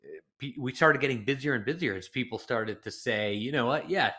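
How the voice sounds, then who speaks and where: A man from Los Angeles, a podcast guest, telling animated anecdotes and jumping into acted-out quotes. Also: medium pitch, a little fast. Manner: lively storyteller who acts out quotes. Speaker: interview guest. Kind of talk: podcast interview.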